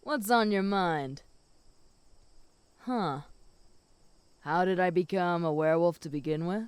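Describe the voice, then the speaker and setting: In an intimate audio role-play, a woman voices a flirty, possessive and protective female werewolf, teasing the listener with soft chuckles in a smooth, lowish voice. She speaks slowly in a relaxed, reflective mood, and the recording is dry.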